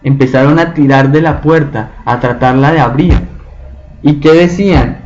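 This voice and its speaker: A man's voice: on the high side, darkish tone, a little hiss or hum. A man teaching a Bible study, often checking in with his listeners through rhetorical questions. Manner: slow, asks the group frequent rhetorical questions. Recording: dull lo-fi recording.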